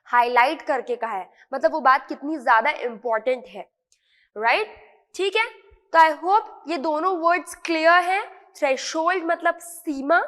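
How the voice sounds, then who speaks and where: A woman's voice: high-pitched, a bit bright, in a large hall. A woman with an Indian accent teaching English vocabulary in an online lesson, repeating words and checking in with her students often.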